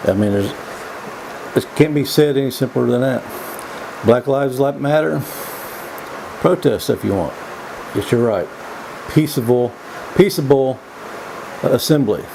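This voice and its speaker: A man giving a casual, opinionated vlog monologue in a folksy, halting way, often repeating his words as he goes. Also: medium pitch, animated, gravelly, noisy background. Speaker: vlog host. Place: indoors.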